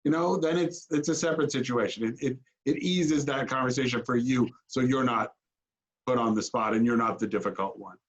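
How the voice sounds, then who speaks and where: Man, talent agent, earnest, stumbling restarts, muffled call audio. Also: mid-range voice. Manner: earnest, halting, many restarts. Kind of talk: town hall discussion on a video call. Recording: dull lo-fi video call audio.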